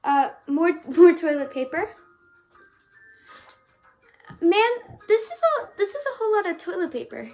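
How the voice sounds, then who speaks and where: A woman's voice: sits high, expressive, slow, poor audio. A woman acting a chatty, awkward young store cashier in a stage monologue, bubbly and hesitant with nervous restarts. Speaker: student actor.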